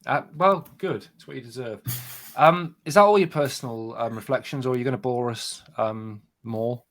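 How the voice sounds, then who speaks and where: A man's voice: mid-range voice, normal speed, a bit bright. A man hosting a podcast, chatting casually in a dry, teasing, joking way. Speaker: podcast host. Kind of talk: casual banter.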